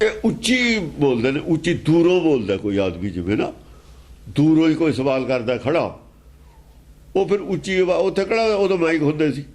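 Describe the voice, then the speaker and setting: A man's voice: on the high side, animated, moderate pace, darkish tone. A man teaching scripture in an emphatic, argumentative way, asking pointed rhetorical questions. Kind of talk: explaining scripture verse by verse.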